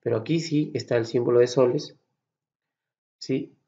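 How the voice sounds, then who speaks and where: A man from Peru with a Peruvian accent, patiently explaining a software tutorial step by step and checking in with his students. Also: mid-range voice, steady tone, moderate pace, highs cut off. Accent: Peruvian Spanish. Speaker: Excel course instructor. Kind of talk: screen-recorded software tutorial.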